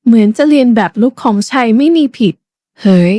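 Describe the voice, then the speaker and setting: A woman narrating a scripted bedtime story in a steady, even storytelling manner. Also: fairly high pitch, fast, no room sound.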